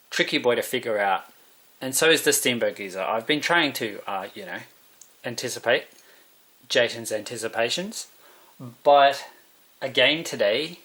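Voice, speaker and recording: A man rambles to camera in a loose, musing monologue. He drifts between thoughts and stops to correct himself. His voice sits at an everyday mid pitch. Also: bright, forceful tone. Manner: musing, meandering, self-correcting. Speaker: vlogger.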